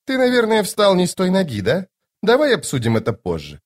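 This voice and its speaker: A man's voice: high-pitched, huge pitch swings, a little fast, pitched above the performer's own voice, heavily acted. Man voicing a haughty teasing sorceress. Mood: playful. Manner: coquettish, mocking, commanding. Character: haughty, teasing sorceress woman, playful and imperious. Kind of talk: audiobook character voice.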